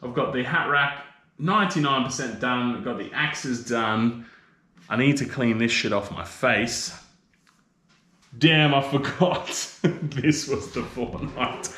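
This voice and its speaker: A man's voice: mid-range voice, slow pace, bright, forceful tone. Laid-back Australian man, roomy echo. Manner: laid-back and rambling, teasing viewers with slang like mate and bro. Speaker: livestream host. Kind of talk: casual live chat with viewers.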